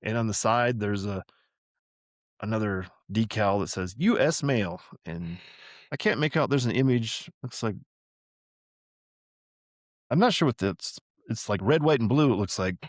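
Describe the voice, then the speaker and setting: A man's voice: fairly low pitch, lively intonation, a little slow, long pauses, dry recording, studio quality. An older man hosting a podcast, reading a family memoir aloud and drifting into chatty, rambling asides that he corrects as he goes. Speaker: podcast host.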